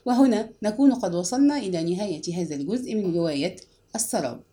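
A woman's voice: medium pitch, lively intonation, fast talker, mellow. A woman narrating a novel as an audiobook, reading expressively.

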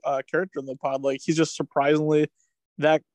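A young man co-hosting a casual sports podcast, making quick jokes and saying "like" a lot. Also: on the high side, flat delivery, a little mellow, dry recording. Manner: joking, quick quips, uses "like" a lot. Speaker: podcast co-host.

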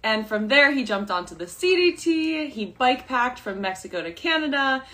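A woman co-hosting a podcast, introducing a guest and chatting in a lively, brisk way. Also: high voice. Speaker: podcast co-host. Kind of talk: casual podcast chat.

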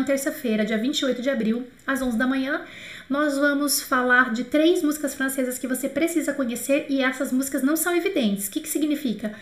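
A woman with a Brazilian Portuguese accent teaching a live online French lesson, chatty and lively, slowly repeating phrases for students to drill. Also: high voice, reverberant.

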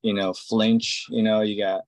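Low-voiced man from Israel chatting loosely. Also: flat delivery, unhurried, no echo. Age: 40s. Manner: rambling, many fillers and restarts. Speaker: tattoo artist. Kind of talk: casual interview talk.

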